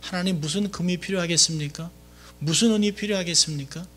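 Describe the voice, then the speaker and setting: A man preaching a sermon as pastor in a church, animated and acting out voices in dialogue. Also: high-pitched, fast talker, a little hiss or hum.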